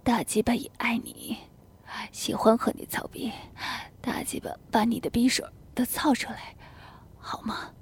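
A woman voicing a tender, teasing young husband in a whispered role-play, with a hushed, coaxing murmur. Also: a little high, level tone, moderate pace, slightly rough.

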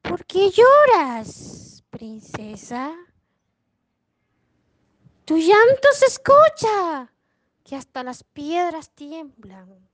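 A woman voicing a big talking frog in a storybook tale, bargaining in slow, drawn-out words. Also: very high voice, big pitch swings, dry recording, pitched above the performer's own voice, heavily acted. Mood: coaxing. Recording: noisy home recording.

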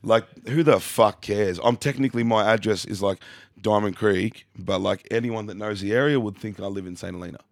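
A man's voice: fairly low pitch, a little fast, no echo, studio quality. A young Australian man from Melbourne, chatting casually as a podcast guest in a joking, slangy, sweary way. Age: young adult. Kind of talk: casual chat.

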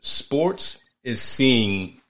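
A man co-hosting a casual sports podcast, talking in a thoughtful, measured way and often restarting his phrases. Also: mid-range voice, very animated, fairly bright tone. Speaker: podcast co-host.

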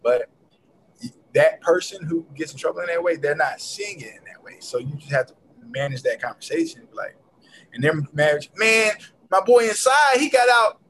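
Man defense lawyer guest, animated and repetitive, faint room hum behind. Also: mid-range voice, low-quality recording. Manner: animated, repeats words while explaining. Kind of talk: casual podcast chat.

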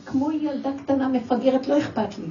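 An older woman giving an emotional religious talk to a group, exclaiming and acting out her own scolding of children. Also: high-pitched. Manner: animated, exclaiming, acts out quoted scolding. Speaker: speaker addressing a women's audience. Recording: distant, dull lo-fi with faint noise.

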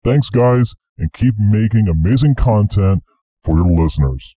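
Man through a deep voice changer. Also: lively intonation, unhurried, heavy background noise. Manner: upbeat, gushing fan message. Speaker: voicemail caller. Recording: muffled voicemail playback.

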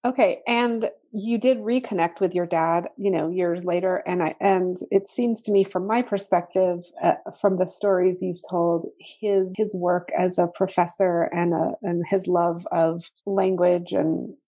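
A middle-aged woman hosting a podcast, prompting her guest with gentle restarts and reading a promo. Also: lowish voice, fairly even intonation, measured pace, few pauses. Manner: warm prompting, hesitant restarts. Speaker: podcast host. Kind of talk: interview and ad read.

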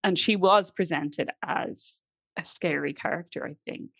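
A young adult Irish woman with an Irish accent chats as a podcast guest, telling family stories in a casual conversational way. Her voice is lowish, a little slow, slightly rough and marked by vocal fry. She's chatty, laughs easily, and her volume drifts between loud and quiet.

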